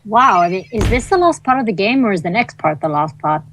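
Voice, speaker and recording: A woman's voice: mid-range voice, lively intonation, a little fast, fairly bright tone, a little hiss or hum. A woman giving casual side commentary on a video game playthrough.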